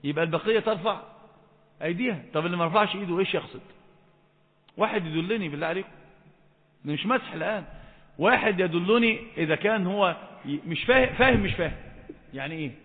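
A man's voice: high-pitched, quick pace, pauses often. A man teaching Islamic law to a class. He keeps quizzing the students and scolds them when they don't raise their hands. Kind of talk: classroom religious lecture. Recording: thin phone-like sound in a reverberant hall.

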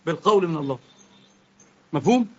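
A man with an Egyptian Arabic accent giving a religious lesson, moving between calm explanation and heated rebuke. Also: fairly high pitch, fast talker, dull audio. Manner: impassioned, swings from quiet explaining to heated rebuke. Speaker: religious teacher.

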